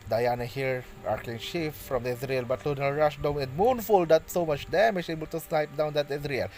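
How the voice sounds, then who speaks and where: Practicing his esports play-by-play, this male caster speaks in a mid-range voice, stopping and restarting frequently and getting excited whenever a big play happens.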